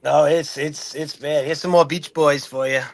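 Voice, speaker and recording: A man with a Brooklyn accent chatting casually and excitably, with slangy talk peppered with baby and dude. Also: fairly high pitch, normal speed. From Suffolk County, Long Island, New York.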